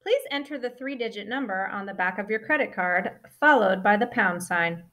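Lively automated phone menu woman. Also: mid-range voice, normal speed. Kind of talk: recorded phone prompts.

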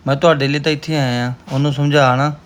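Fast-talking homesick man. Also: medium pitch, steady tone. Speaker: brother on a call from abroad. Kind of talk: amateur short-film acting.

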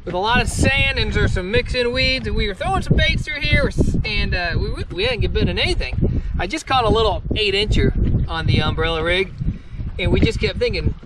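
Middle-aged male fishing host, high and lively delivery, heavy wind across the camera mic. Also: a little fast. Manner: enthusiastic, bursts into excited shouts. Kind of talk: instructional fishing vlog. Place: open boat on a lake, outdoors. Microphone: boat-mounted camera. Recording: wind-buffeted outdoor camera audio. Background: loud wind and boat noise.

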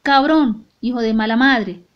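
A woman's voice: high voice, expressive, very slow, dull audio, voice pushed up, full character voice. A woman doing an enraged tearful father. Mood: enraged shouting. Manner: shouting insults, tearful rage. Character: enraged father shouting in tears, man.

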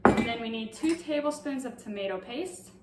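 A woman's voice: on the high side, lively intonation, normal speed, very noisy. A young woman casually demonstrating a recipe in a home kitchen, explaining each step as she goes with plenty of fillers. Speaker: cooking demonstrator. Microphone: far camera on a tripod. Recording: roomy, distant camera audio.

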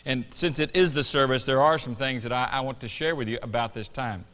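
Bright-voiced male pastor in a reverberant hall. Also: mid-range voice, brisk. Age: middle-aged. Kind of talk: church sermon, conversational. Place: church sanctuary stage. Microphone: lapel.

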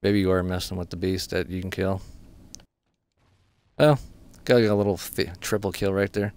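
A man's voice: deep voice, steady tone, moderate pace, a little mellow, clean tone. A man giving casual, profane commentary while playing a shooter game, complaining constantly and frustrated. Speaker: gameplay commentator.

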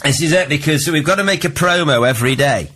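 Fast-talking joking radio host. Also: male voice, a little high, slightly rough. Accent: Stoke-on-Trent English. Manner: quick, joking, deadpan. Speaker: radio breakfast show host. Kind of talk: casual radio banter.

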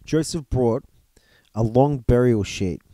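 A man reads a story aloud at an unhurried pace, now and then stumbling and restarting a phrase. His voice is mellow and warm. The recording is close and dry, with no room sound. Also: medium pitch, no echo. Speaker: reader of a storybook gospel. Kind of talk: reading a book aloud.

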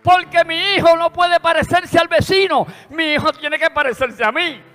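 A man with a Puerto Rican accent preaching a sermon in a church, fervent and building to shouted praise. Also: very high voice, fairly even intonation, moderate pace. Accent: Puerto Rican Spanish. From Puerto Rico. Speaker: pastor. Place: church sanctuary. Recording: long church reverb with instrumental music.

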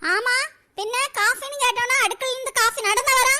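A woman voicing a sharp-tongued young wife in a cartoon, with a Kanyakumari Tamil accent and a quarrelsome, scolding manner. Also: extremely high pitch, fairly quick, full character voice.

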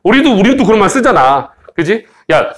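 A man teaching an English grammar lesson in Korean, playful and joking with students, slowly modeling English phrases for them to repeat. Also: sits high, very animated, fairly bright tone. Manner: playful, joking, teasing students, sound effects. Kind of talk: lively recorded grammar lecture.

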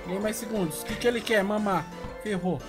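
A middle-aged Brazilian man giving casual, excitable gameplay commentary full of slang and exclamations, recorded in a room at home. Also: high-pitched, fairly quick. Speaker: gaming video host. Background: music.

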